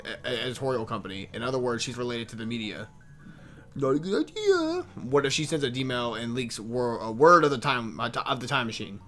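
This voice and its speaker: A mid-pitched man reads a visual novel aloud for his channel, often tripping over words and backing up to try again. He mutters little complaints between lines in a casual, unpolished way. Soft game music plays faintly underneath. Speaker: let's play host reading a visual novel aloud. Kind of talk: reading game text aloud with casual asides.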